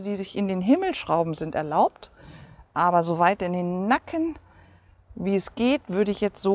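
A woman leading a guided movement session as a coach, giving calm step-by-step cues and counting repetitions. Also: medium pitch. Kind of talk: guided exercise instruction.

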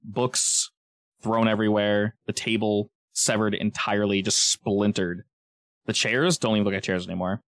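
Low-voiced man narrating as game master. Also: flat delivery, no room sound. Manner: casual, descriptive, pauses to search for words. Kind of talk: improvised narration of a tabletop game.

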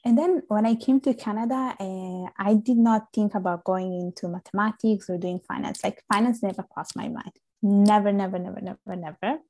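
A young woman from Italy talks as a podcast guest, earnest and chatty with plenty of little fillers. Her pitch sits in a middle range, neither high nor low, and she keeps an easy conversational flow. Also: fairly even intonation, normal speed, warm tone. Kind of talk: casual interview conversation.

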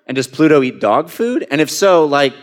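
A man's voice: fairly high pitch, very animated, normal speed. A man co-hosting a live podcast panel, dry and wisecracking in casual banter. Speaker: podcast co-host. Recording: reverberant convention hall.

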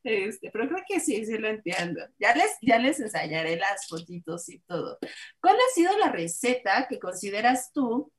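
A woman, co-hosting a casual chat, talking in a chatty way with many fillers and reading out viewer comments. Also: medium pitch. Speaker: co-host.

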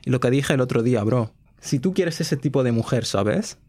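A man's voice: medium pitch, expressive, moderate pace, a little mellow. A young man hosting a podcast, talking earnestly in laid-back slang. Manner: earnest, laid-back slang, frequent "¿sabes?" and English fillers. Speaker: podcast host. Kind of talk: casual chat.

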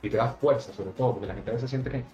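A man's voice: mid-range voice, fast, dark tone. Blunt man in a roomy room. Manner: blunt, emphatic, swears casually. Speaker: podcast host. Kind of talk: casual podcast talk. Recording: roomy, slightly dull, faint music.

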